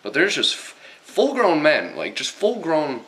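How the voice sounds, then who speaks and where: Sweary, bright-voiced young guy. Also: fairly high pitch, huge pitch swings, a little slow. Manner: exasperated, heavy swearing, many fillers. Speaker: vlogger. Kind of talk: casual rant to camera.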